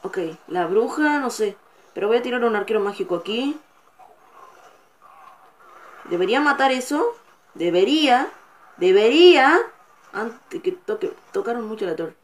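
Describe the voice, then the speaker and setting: Woman, gaming host, fairly high voice, live gameplay commentary, excitable, swears at the game. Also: normal speed, pauses often. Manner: excitable, frustrated outbursts and cursing at the game.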